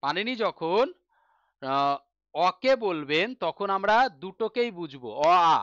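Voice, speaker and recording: A man's voice: sits high, lively intonation, takes it slowly, fairly bright tone, no room sound, lo-fi sound. A man teaching a Sanskrit lesson in a Bengali accent, patiently asking questions and answering them himself. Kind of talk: online lesson explaining on a board.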